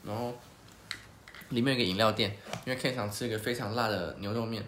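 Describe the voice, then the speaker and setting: A man chats quickly and casually, telling a story and slipping into the voices of its characters. His voice sits at a middle pitch. The room is echoey, with a faint hiss behind him. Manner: animated, acts out quoted people. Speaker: podcast host.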